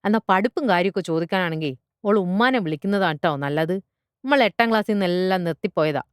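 A woman's voice: fairly low pitch, lively intonation, fast talker, smooth, no echo, studio quality, natural voice. A woman reading a story aloud and voicing a blunt middle-aged village butcher. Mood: surprised. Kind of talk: storybook character voice.

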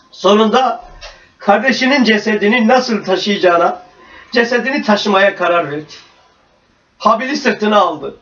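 A man's voice: sits high, a bit bright. A man telling a religious story to children and drawing its moral, dramatic and acting out the cries in the tale. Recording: roomy, distant, dull lo-fi recording.

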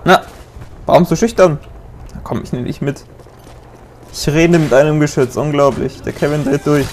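Joking young German gamer man, slightly high voice. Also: moderate pace, slight background noise. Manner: chatty, joking, yells at the game. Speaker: let's play gamer. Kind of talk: casual gameplay commentary.

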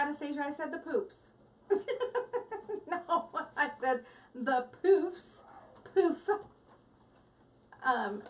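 At her craft table at home, a woman hosts a live crafting stream, chatting with viewers in a rambling, giggly way. Her voice sits high and sounds distant, picked up by a device mic set back from the table.

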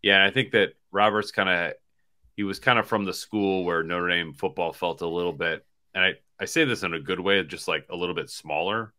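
Brisk, low, pushed and bright, the voice belongs to a man in his forties co-hosting a sports podcast. He chats casually and wanders from point to point after the game, calling in by laptop from a small indoor hotel room.

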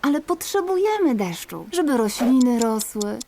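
A woman's voice: on the high side, big pitch swings, normal speed, warm tone, slight background noise. A woman voicing a patient, preachy cartoon mother who explains things soothingly.

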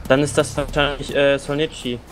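A man chatting quickly and excitedly while playing a survival game with friends, cursing when things go wrong. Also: mid-range voice, music in the background. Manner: fast, excitable, swears under pressure. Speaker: gamer. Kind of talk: casual gameplay chat.

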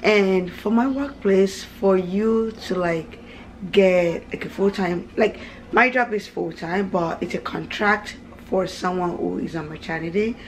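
In a low-quality recording with a bit of hiss or hum, a woman in her thirties speaks a little slowly in a mid-range voice. She's a family vlogger and mother filming herself at arm's length in a small home kitchen, chatting casually, repeating words and slipping into asides.

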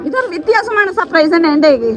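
A woman's voice: extremely high pitch, animated, fast, heavy background noise. A woman with a Sri Lankan Tamil accent, presenting a surprise delivery and teasing a family with coaxing questions. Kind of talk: lively on-the-spot chat with a family.

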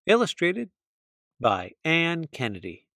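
A man reading a children's picture book aloud, slow and expressive. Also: on the high side, no echo, clean studio sound. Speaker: storybook reader. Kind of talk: children's read-aloud narration.

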